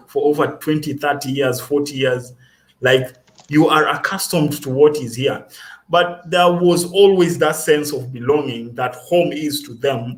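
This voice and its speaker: A young man with a Kenyan accent, a student guest answering interview questions in an earnest, self-assured way. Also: fairly high pitch. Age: young adult. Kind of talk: casual interview.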